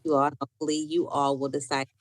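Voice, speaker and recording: A woman school board member speaking in halting, fragmented phrases over a video call, her audio breaking up and dropping words. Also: low-pitched, level tone, no echo. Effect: choppy video call audio breaking up, words dropping out. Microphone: laptop on a video call.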